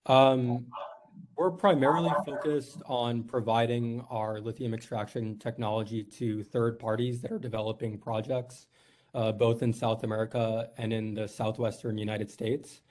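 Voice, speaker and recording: A man's voice: mid-range voice, steady tone, moderate pace, darkish tone. A man from New York, a company executive giving a formal presentation at a board meeting, earnest and polite, with frequent "uh"s. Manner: earnest, filler-heavy, polite.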